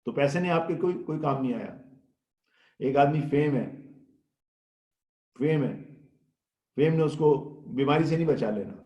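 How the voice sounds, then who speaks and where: Animated male preacher in an echoey room. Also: a little high, long pauses. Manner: animated storytelling, acting out quoted voices. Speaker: Islamic scholar giving a Ramadan lecture. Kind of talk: sermon. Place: Ireland.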